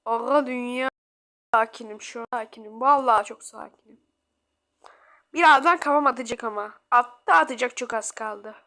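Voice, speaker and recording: A woman's voice: a little high, normal speed, sharp tone. Chatty young woman griping at a game. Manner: exasperated, chatty, mock-complaining at the game. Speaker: gaming channel host. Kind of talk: casual game commentary.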